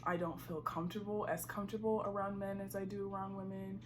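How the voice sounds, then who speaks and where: A woman's voice: medium pitch, little pitch movement, fast. A woman in her twenties from Chicago, speaking thoughtfully in a personal interview. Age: 20s. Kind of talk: personal testimony. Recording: noisy background.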